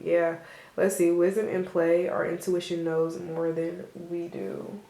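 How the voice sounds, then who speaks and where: A woman's voice: on the low side, flat delivery, measured pace, creaky, mellow. Chatty woman giving a tarot reading. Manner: rambling and reassuring, with frequent laughs and fillers. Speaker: tarot reader. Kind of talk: casual spoken tarot reading. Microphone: camera mic. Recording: roomy echo.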